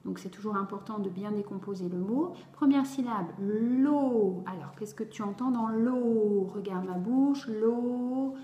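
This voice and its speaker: A woman tutor explaining how to teach a child to read syllables, sounding each one out slowly and clearly and praising often. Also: mid-range voice, warm tone, lo-fi sound. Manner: slow, carefully articulated syllables, encouraging. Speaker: reading tutor for young children. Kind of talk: instructional video explaining phonics. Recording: roomy echo.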